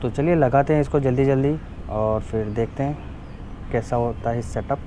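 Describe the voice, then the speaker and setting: A man with a dark, mid-range voice and an Indian accent speaks at a moderate pace during an informal unboxing and installation walkthrough. As a motovlogger showing off a product, he blends Hindi and English, and there's a touch of background noise.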